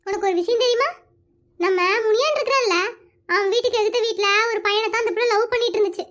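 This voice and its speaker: A performer voicing a blunt, gossipy older village woman in an animated comedy, talking brusquely and scolding. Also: very high-pitched, fast talker.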